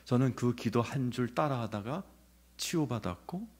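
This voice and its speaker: A middle-aged man preaching a sermon with personal testimony, telling his story with animated, acted-out scenes. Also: medium pitch, moderate pace, breathy edge. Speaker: pastor.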